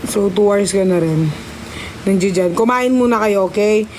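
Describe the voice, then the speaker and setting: A man's voice: high voice, moderate pace, a little mellow, a little hiss or hum. A man hosting a casual livestream, signing off with playful, teasing goodbyes to his viewers. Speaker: livestream host.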